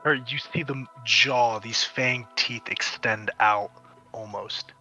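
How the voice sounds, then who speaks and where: A man's voice: medium pitch, fairly even intonation, takes it slowly, full character voice. A man playing a stately fire king. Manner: formal, gracious, quietly threatening. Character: stately male fire king, courtly and menacing. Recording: dull lo-fi audio with faint music.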